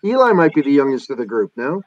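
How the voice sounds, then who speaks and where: A man's voice: medium pitch, very animated, fast. Joking man in his fifties, lo-fi. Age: 50s. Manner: joking, teasing. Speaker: stream host. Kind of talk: casual group video chat. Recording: dull lo-fi sound.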